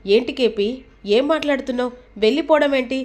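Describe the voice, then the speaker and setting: A woman's voice: high-pitched, a little fast, a little mellow, lightly acted. A woman reading the lines of a commanding elder woman of the household, speaking firmly and with authority. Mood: stern. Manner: firm, authoritative.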